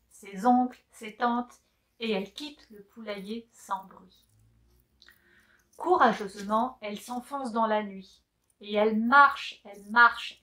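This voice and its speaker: Lady reading a kids' picture book out loud, gentle and expressive, voice on the higher side. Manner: gentle, expressive storytelling addressed to a child. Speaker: story reader.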